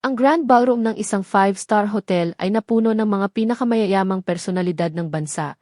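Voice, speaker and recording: A woman narrates a scripted dramatic story in a Filipino accent, her mid-range voice a little mellow and her pace moderate. The studio-quality recording is dry.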